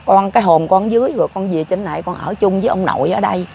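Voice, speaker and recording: A woman's voice: medium pitch, very fast, gravelly, a little mellow, dull audio, a little hiss or hum. An older grandmother, talking in a rambling, repetitive way about her family. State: often ill. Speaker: grandmother interviewed. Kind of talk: casual storytelling.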